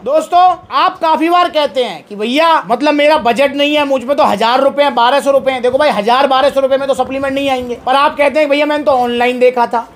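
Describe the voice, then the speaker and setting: High-voiced man pitching to camera. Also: a bit bright. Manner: persuasive, earnest, speaks straight to viewers. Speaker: fitness channel host. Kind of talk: promotional talk to camera.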